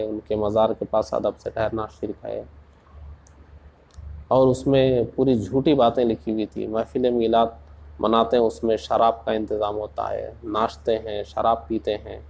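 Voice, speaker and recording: A man preaching in a slow, deliberate way, asking rhetorical questions and rising into passionate emphasis. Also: on the low side, little pitch movement, vocal fry, darkish tone. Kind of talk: Urdu sermon.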